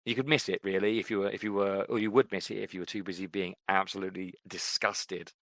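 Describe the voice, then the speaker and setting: A middle-aged man with a low voice co-hosts a podcast, talking fast in a relaxed, casual chat. He rambles and leans on lots of fillers, and there is no room sound.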